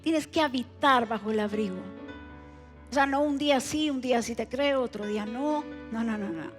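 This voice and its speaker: Woman pastor preaching, high voice, soft keyboard music behind, keeps firing questions at the crowd. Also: moderate pace. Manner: emphatic preaching, many direct questions to the congregation. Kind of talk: sermon. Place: church.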